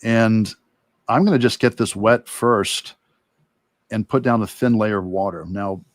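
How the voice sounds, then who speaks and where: In a recording with no room sound, a man with a lowish voice speaks a little slowly. He illustrates as he talks, offering casual instruction through loose, fragmented asides.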